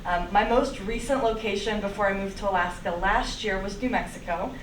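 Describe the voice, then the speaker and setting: Thoughtful young woman, echoey distant mic. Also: medium pitch. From Russia. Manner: thoughtful, measured with fillers. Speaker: AmeriCorps volunteer. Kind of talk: casual self-introduction. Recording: echoey room, distant mic, light noise.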